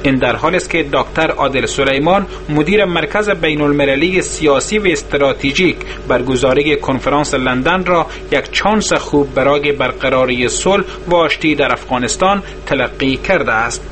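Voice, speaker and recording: A man, a radio correspondent, reading a formal news report in a measured tone. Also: fairly high pitch.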